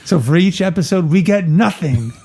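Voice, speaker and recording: Gravelly, mellow-voiced man co-hosting a podcast. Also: high-pitched, lively intonation. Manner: jokey, laughs often, halting restarts. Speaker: podcast co-host. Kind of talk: casual film-analysis chat.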